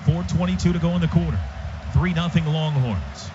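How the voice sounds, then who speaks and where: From the radio booth at a stadium, this American announcer delivers football play-by-play in short, punchy bursts. His voice is a little high and expressive, at a moderate pace, over a dull, noisy live feed.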